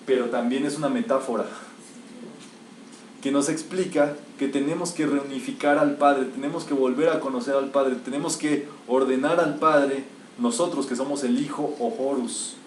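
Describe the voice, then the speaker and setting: Measured and medium-pitched, a male metaphysics teacher addresses a live audience in a reverberant room, pressing his points and asking rhetorical questions of those present. The microphone is distant, and a faint hiss runs underneath.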